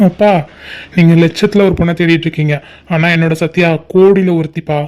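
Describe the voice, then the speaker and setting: A man plays a young cartoon son who stands up to his father, firm and defiant. The voice sits fairly high and sounds mellow. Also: fairly even intonation, fairly quick, highs cut off, natural voice. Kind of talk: cartoon family drama voicing.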